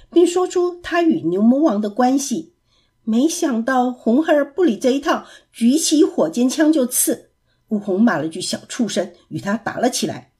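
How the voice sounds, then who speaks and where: A woman reads a classic tale aloud for children with lively expression. Her voice is a touch high, mellow and breathy. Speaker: children's storyteller. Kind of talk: storybook narration for children.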